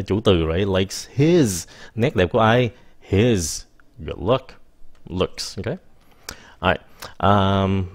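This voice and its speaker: Slow, low-voiced male teacher. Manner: slow, explains patiently, frequent "ok" and self-corrections. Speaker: English teacher. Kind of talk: casual spoken grammar lesson.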